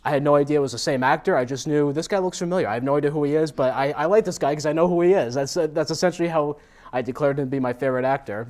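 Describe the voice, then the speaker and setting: An American man from New Jersey, United States, gives an informal autobiographical talk as a guest speaker at a meetup. His medium-pitched, darkish voice carries stories told with self-deprecating animation.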